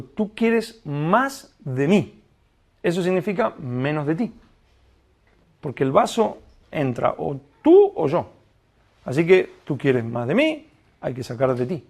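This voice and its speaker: A male preacher with a high-pitched voice and a gravelly edge. He delivers his sermon in an animated way, slipping into quoted prayers and little dialogues as he goes.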